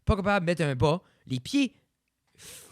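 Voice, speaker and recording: A young Quebec French man chatting on a podcast. His voice sits a bit high and rises and falls a lot as he talks. He mixes English words into his French, recorded close and dry. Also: sing-song, normal speed, no echo. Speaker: podcast co-host. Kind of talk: casual chat.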